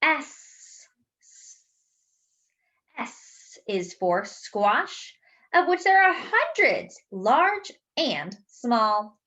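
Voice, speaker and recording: A teacher-like host gives an animated picture-book read-aloud for small children, her high, bright voice swooping and forceful. She reads slowly with exaggerated, careful stress on words and playful asides to the kids. The recording is slightly dull and lo-fi.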